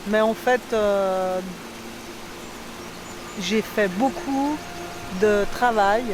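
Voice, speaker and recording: A woman in her forties, a theatre teacher, talking thoughtfully in an interview and often pausing to search for words. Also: mid-range voice, noisy background. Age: 40s. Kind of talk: reflective personal interview.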